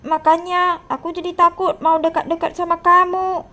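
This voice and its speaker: A woman's voice: extremely high pitch, level tone, moderate pace, sharp tone. A woman voicing a timid, apologetic schoolgirl in a game role-play. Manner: apologetic, nervous.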